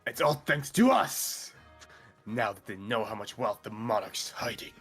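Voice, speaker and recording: A player voicing a smug, scheming baron in a hushed, conspiratorial tone. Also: mid-range voice, expressive, unhurried, breathy edge, faint music behind, heavily acted.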